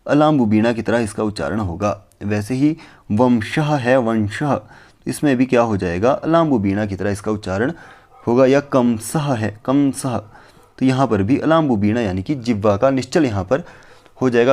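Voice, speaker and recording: A man teaching a lesson, explaining points step by step and asking himself questions before answering. He recites verses slowly and carefully. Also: medium pitch, darkish tone. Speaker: Sanskrit teacher. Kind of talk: explanatory lecture on phonetics.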